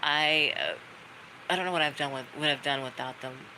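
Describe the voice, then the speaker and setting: A middle-aged woman hosts a livestream, chatting casually with viewers and rambling through stories in a friendly, talkative way. She has a low voice and speaks at normal speed. Background noise includes dogs barking.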